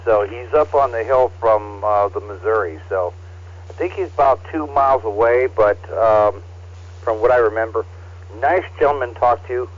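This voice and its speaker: A man acting as net control on an amateur radio net, heard over a ham radio transceiver, reading call signs in a relaxed, halting way. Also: medium pitch. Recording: dull, lo-fi radio audio.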